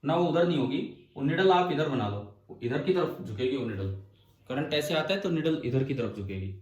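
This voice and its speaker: A man's voice: on the high side, lively intonation, moderate pace, darkish tone, lo-fi sound. A male physics teacher lecturing a class, explaining step by step and firing questions at his students. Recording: echoey room, from far off.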